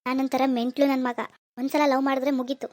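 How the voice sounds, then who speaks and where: A pushy young cartoon stalker, put on by the narrator, with a very high, fast voice that turns syrupy and then menacing. It is close and dry, with no room in it. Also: little pitch movement, a little mellow, dry recording, natural voice. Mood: threatening. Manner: menacing and syrupy, calls her baby. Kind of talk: Kannada cartoon voice acting.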